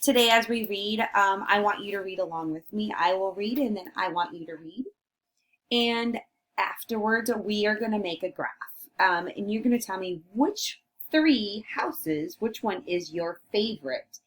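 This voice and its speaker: A woman's voice: medium pitch, lively intonation, a little slow. A woman teacher reading a picture book aloud to children and coaching them to read along. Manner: instructive, coaxing children to join in.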